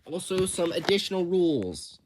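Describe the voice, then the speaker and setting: A man's voice: high voice, big pitch swings, moderate pace, noisy background. A young man casually explaining contest rules, stammering often with many restarts and fillers. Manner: impulsive, enthusiastic. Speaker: channel host announcing a creature-design contest. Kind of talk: casual unscripted rules rundown.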